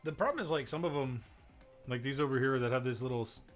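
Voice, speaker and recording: A woman with an unusually deep, low voice hosting a board game livestream. She chats in an easygoing way, laughs often and talks straight to the viewers. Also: fast talker, soft background music. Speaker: co-host of a board game stream. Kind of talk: casual chat.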